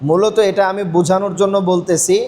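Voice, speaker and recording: High-voiced male Quran reading teacher. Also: little pitch movement, darkish tone. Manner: asks questions and answers them himself; slows down to spell out and recite letters. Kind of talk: step-by-step recitation lesson.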